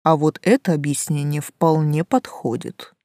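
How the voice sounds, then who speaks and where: Sly teasing male forest spirit, calm menace, lowish mellow tone, voiced by a woman reader. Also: moderate pace, no room sound, studio quality, natural voice.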